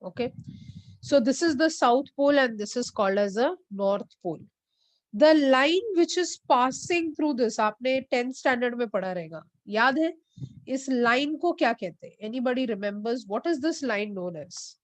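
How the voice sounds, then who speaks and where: A woman teaching a physics lesson online, talking very slowly and deliberately in a fairly high voice. She quizzes her students by name and switches freely between English and Hindi. Her voice is close and dry, with no room sound. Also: animated, dry recording. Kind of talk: online class lecture. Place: online classroom.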